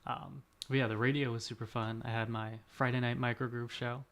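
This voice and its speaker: A man's voice: medium pitch, flat delivery, fairly quick, fairly bright tone. A young man in his twenties chatting casually as a podcast co-host, rambling and self-deprecating, laughing often. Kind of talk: casual chat.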